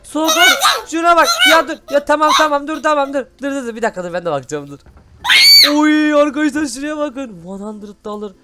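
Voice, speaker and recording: A man hosting excited gameplay commentary, full of loud exclamations. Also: very high-pitched, a little fast, over loud music. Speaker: gaming host.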